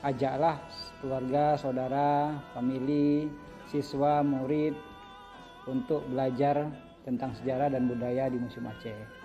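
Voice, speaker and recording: A man guiding visitors through a museum exhibit. He explains carefully and pauses on fillers. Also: mid-range voice, little pitch movement, mellow, soft background music. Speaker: museum guide. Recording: dull lo-fi sound.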